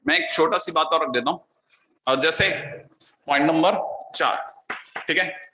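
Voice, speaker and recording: A male math teacher lectures in a bright, somewhat high voice and stretches out key terms as he writes them. He keeps checking that his students follow along. The sound is roomy and echoey, with a faint hiss underneath. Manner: explains step by step, keeps asking "हाँ या ना?" to check students follow; drawls key terms slowly while writing them. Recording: echoey room with faint background noise.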